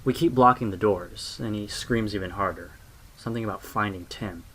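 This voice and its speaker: Hushed low-voiced man telling a horror story. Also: normal speed. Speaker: narrator.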